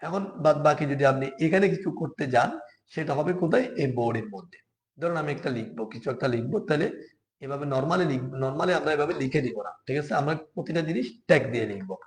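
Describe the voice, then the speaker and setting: A man from Bangladesh teaching a beginner web design class, explaining slowly and patiently step by step. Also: fairly high pitch, lively intonation, reverberant. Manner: slow, patient, step-by-step, often asks "ঠিক আছে?". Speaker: programming teacher. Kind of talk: live screen-share coding class.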